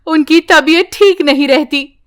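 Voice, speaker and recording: A woman's voice: sits high, unhurried, a bit bright, pitched above the performer's own voice. Woman doing an urgent loving village mother.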